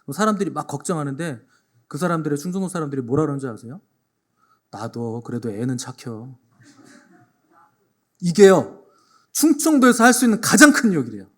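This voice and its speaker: A pastor delivers a Sunday sermon to his church congregation in a slightly high, very animated male voice, talking quickly. He repeats key phrases for emphasis and works jokes into his preaching.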